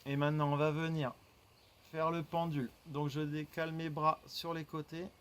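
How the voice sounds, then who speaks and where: A man's voice: a little high, level tone, normal speed, a bit bright, smooth, low-quality recording. A man leading a floor exercise class, guiding breathing and repeating cues rhythmically as he counts. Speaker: fitness instructor. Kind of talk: guided workout instruction.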